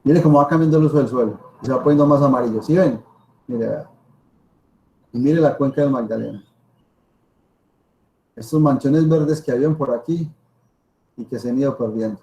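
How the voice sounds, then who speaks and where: In dull audio, a man with a Colombian accent gives an informal lecture to students, his medium-pitched voice warm and at normal speed with frequent pauses. As a professor, he speaks emphatically, repeating himself and asking rhetorical questions.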